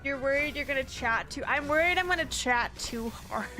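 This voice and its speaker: A woman's voice: sits high, measured pace, pushed and bright. A woman from the Midwest, chatting in a rambling, filler-heavy way while she streams a game and laughs often. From American Midwest. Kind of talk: casual gaming stream chat. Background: game music.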